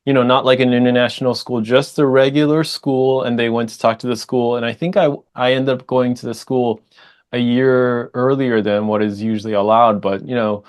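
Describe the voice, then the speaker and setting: A male musician answers questions in a relaxed, meandering way. He often restarts his sentences and fills the gaps with "you know" and "like." His voice sits at a middling pitch with an everyday tone. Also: normal speed, clear, resonant tone. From Japan and the United States. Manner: rambling, many restarts and fillers, laughs easily. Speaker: guest musician. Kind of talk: casual interview answers.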